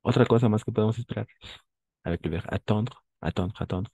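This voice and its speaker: A man's voice: fairly low pitch, brisk, warm tone, husky, muffled recording. A man teaching a French lesson, patiently explaining and switching between French and Spanish. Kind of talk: online language lesson.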